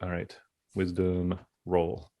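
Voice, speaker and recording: A man's voice: deep voice, completely flat delivery, takes it slowly, dark tone. A man chatting casually as a player at a tabletop game, explaining his moves.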